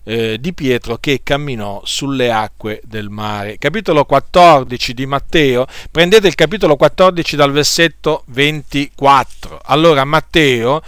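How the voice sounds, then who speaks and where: Bright-voiced man preaching slowly. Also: medium pitch, clear, resonant tone, no room sound, clean studio sound. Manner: deliberate, with frequent hesitation fillers and repetitions. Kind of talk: sermon.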